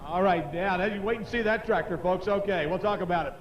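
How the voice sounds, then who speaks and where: High, echoing male tractor pull announcer. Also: a little hiss or hum. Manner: repeats names with drawn-out showmanship. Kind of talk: live event announcing to fans. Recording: dull, echoing arena PA.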